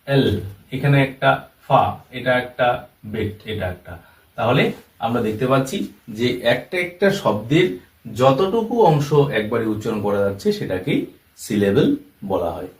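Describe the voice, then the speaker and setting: A man explaining a language lesson step by step, repeating each term and example. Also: mid-range voice. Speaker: English teacher. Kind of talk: classroom-style lesson explanation. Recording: roomy echo, voice from far off the mic.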